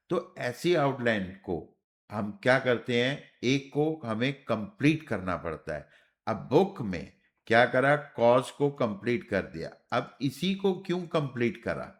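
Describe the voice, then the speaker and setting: A man teaching a shorthand class, explaining step by step and sounding out each example word. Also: medium pitch. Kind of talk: whiteboard lesson.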